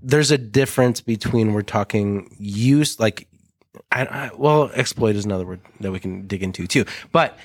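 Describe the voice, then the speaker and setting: A man's voice: lowish voice, normal speed, dry recording, studio quality. A man co-hosting a casual church podcast, joking and laughing often while steering the talk. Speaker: podcast co-host. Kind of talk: casual chat about church.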